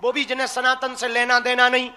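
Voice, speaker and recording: A man's voice: very high voice, monotone, brisk, sharp tone, smooth, in a large hall. A man preaching a devotional sermon to a crowd, teasing and blunt, speaking straight at his listeners. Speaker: spiritual preacher.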